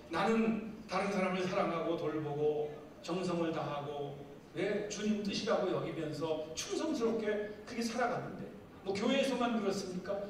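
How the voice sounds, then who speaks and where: A middle-aged male pastor preaching a sermon, reading scripture slowly and acting out little scenes with lively shifts. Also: high-pitched. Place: seminar hall. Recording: very echoey hall, voice from far off, faint noise.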